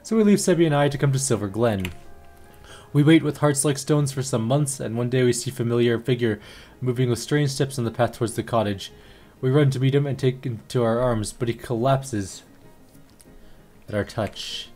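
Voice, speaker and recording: A man voicing a grieving middle-aged widow who speaks halting, broken English with odd idioms, over faint game music. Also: medium pitch, warm tone, close to an everyday voice. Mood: mournful.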